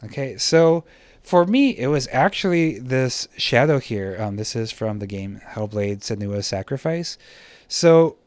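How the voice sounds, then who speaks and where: A man's voice: mid-range voice, expressive, unhurried, darkish tone, dry recording. Casual man giving a slideshow lecture. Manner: casual, many fillers, self-deprecating asides. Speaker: teacher. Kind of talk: slideshow lecture on art composition.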